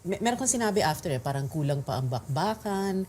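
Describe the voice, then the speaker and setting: Filipino lady news anchor, deep-ish voice, chatty, says no? a lot, faint hiss. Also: animated, fast, darkish tone. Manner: chatty, switches between English and Tagalog, uses tag "no?". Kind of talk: news report and studio interview. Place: TV studio.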